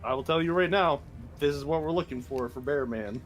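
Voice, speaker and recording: A man's voice: fairly high pitch, a little fast. A man in casual gaming chat, explaining things in an insistent, argumentative way. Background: game music.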